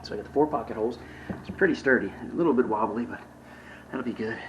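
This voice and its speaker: A man's voice: mid-range voice, quick pace, dull audio, background noise. A young man chatting casually while building in a hot workshop, out of breath, rambling and self-deprecating, swearing when frustrated, filmed on a handheld camera. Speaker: woodworking vlogger.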